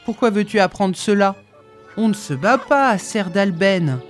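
A woman reading a stout, patient old male blacksmith mentor in a calm, instructive, firm storybook voice. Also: medium pitch, unhurried, soft background music, natural voice.

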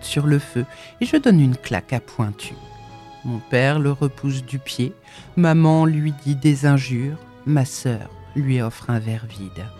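A narrator reading a classic literary story aloud in a measured, expressive way. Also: mid-range voice.

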